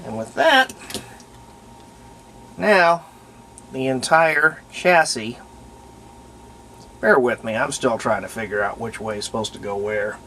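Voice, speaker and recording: A man with a mid-range, expressive voice hosts a radio restoration video, giving a casual, unscripted repair demonstration and thinking aloud in plain words as he works. He speaks slowly with frequent pauses, his tone pushed and bright. The recording is rough, with slight background noise.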